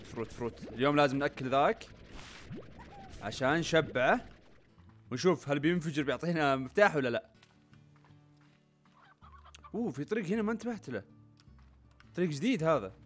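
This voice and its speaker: An excitable young man with a fairly high voice talks to his viewers as he plays, delivering chatty let's-play commentary for his gaming YouTube channel. Game music hums faintly behind him.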